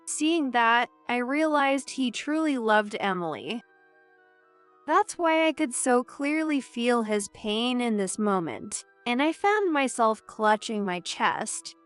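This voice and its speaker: A woman narrating a first-person drama story in a measured, earnest way. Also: on the high side, fairly bright tone, clear, resonant tone.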